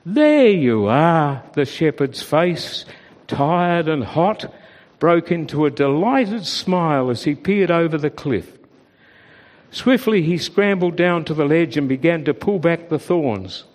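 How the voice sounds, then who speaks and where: A male storyteller reads a children's story aloud in a gentle, expressive manner. His pace is unhurried, his pitch sits a little high, and a long reverb hangs behind every line.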